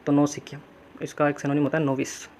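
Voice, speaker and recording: Chatty male vocab teacher, flat voice. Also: a little high, fast, a little hiss or hum. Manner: chatty, storytelling memory tricks, frequent "है ना". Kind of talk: casual Hindi-English lesson.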